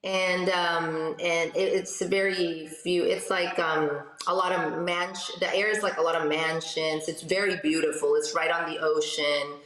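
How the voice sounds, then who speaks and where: A woman in her thirties from South America, a radio host chatting in an interview, animated and full of restarts. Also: on the low side, unhurried, few pauses. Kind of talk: casual interview chat. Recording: echoey room.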